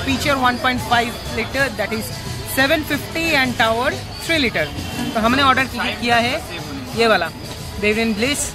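Inside a bustling brewery restaurant, loud music and crowd chatter swamp the poor audio as a man in his thirties reads a menu aloud in a blend of Hindi and English. His voice is very high, and he's vlogging casually about food on a handheld phone camera.

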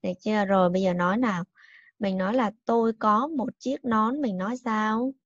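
A woman teacher giving a recorded bilingual English lesson to young children. She stresses and repeats each English word clearly. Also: medium pitch, a little fast, dry recording, highs cut off. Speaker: primary school English teacher.

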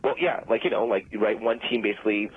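Over a tinny phone line with faint music and a little hiss or hum, a man with a lowish voice talks quickly. As a phone-in guest in a comedic call, he pushes on through a long, rambling explanation, growing flustered when nobody listens.

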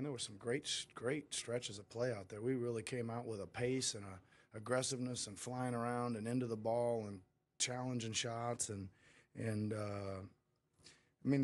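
A man's voice: mid-range voice, darkish tone. Middle-aged man, head coach at a press conference, rambling candid answers at a table mic. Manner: candid, rambling, with frequent restarts. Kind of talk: post-game press conference. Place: press room before a sponsor backdrop. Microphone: table mic in front of him.

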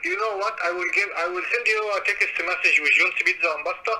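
A man's voice: sits high, fairly quick, pushed and bright. A male takeaway worker on a customer service call, politely checking what he hears and sounding puzzled. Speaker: takeaway worker answering the phone. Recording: phone call with faint noise.

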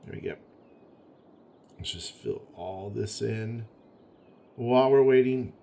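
Low gravelly guy talking thru his city build, faint hiss behind him. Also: mellow. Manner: thinking aloud, chatty, mildly exasperated at the game. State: has the hiccups. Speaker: gaming video host. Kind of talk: casual gameplay commentary.

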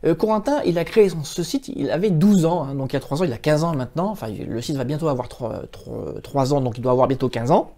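A man hosts a computer help video in a loose, conversational way. He often restarts his sentences as he goes. His voice has a soft, mellow warmth. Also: on the high side, quick pace, hardly any pauses. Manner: informal, rambling, with frequent restarts. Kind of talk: casual spoken tech recommendations.

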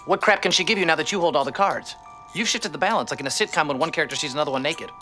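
An actor playing a deadpan, literal-minded young man who talks quickly. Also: on the high side, faint music behind. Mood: analytical. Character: deadpan, pop-culture-obsessed young man. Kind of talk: sitcom acting.

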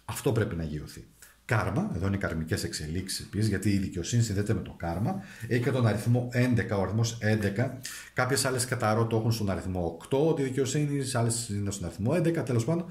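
A man doing a casual tarot reading, talking straight to his viewers with coaxing asides. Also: fairly low pitch. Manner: animated, addresses viewers directly with coaxing asides. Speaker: tarot reader. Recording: echoey room.

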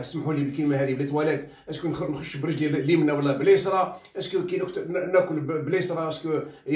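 A journalist from Khenchela, speaking with an Algerian Arabic accent, delivers a heated, ranting commentary that slips into French phrases. His voice is a little high and a little mellow, and the distant mic picks up a roomy echo.

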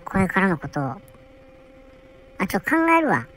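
A woman's voice: fairly low pitch, big pitch swings, moderate pace, fairly bright tone, rough recording. A woman voicing a bored, whiny young male polar bear cub who rambles and grumbles to himself with a Kansai accent. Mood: bored grumbling. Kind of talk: comic character monologue.

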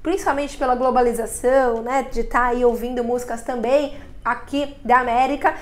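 Chatty high-voiced woman teaching English. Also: steady tone. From Brazil. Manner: chatty, explains with drawn-out vowel examples. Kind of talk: casual video lesson.

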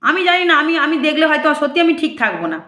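A woman's voice: high voice, big pitch swings, quick pace, pushed and bright, echoey room. A woman, a temple priestess, talking straight to her viewers in a casual monologue, indignant and full of rhetorical questions.

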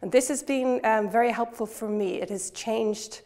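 A woman, speaking in a measured, reflective way in a testimonial interview recorded in a classroom. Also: fairly high pitch, darkish tone. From Ireland. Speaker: course participant. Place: classroom by a window.

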